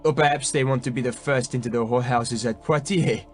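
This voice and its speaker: A man's voice: medium pitch, fairly quick, soft background music, lightly acted. A man reading an audiobook voices a medieval knight captain who answers hesitantly and jokes crudely. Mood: wry. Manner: hesitant, wry.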